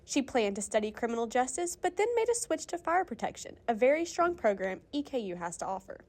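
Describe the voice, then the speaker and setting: Woman doing news voiceover, kinda high voice, read off a script. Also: big pitch swings, fairly quick. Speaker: student news narrator. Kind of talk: scripted voice-over narration.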